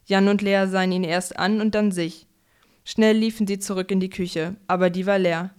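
A woman reads a children's bedtime story aloud as storyteller. Her voice is smooth, clear and resonant, at a mid pitch. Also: fairly even intonation, normal speed, darkish tone.

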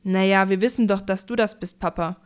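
A woman voicing a lively, affectionate young girl in a children's story. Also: medium pitch, brisk, clear, resonant tone, close to an everyday voice. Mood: eager.

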